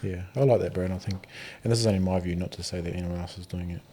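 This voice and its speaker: A man with a gravelly voice, talking casually and reflectively as a podcast guest in an earnest, matey way. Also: low voice, steady tone, very fast, mellow. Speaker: podcast guest, men's mental health advocate. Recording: clearly audible ambient background noise.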